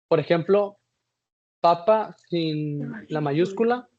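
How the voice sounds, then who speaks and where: This student presenter speaks in a high-pitched, somewhat mellow tone, stumbling and restarting now and then as he reads his slides aloud for class. The audio sounds flat and low-fidelity.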